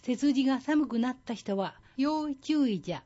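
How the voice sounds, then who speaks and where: Woman reading as a wise old man, mellow. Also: sits high, lively intonation, moderate pace, lo-fi sound. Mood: wise, admonishing. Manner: old-man speech, advising like a wise elder. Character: wise old doctor, folksy and gently admonishing.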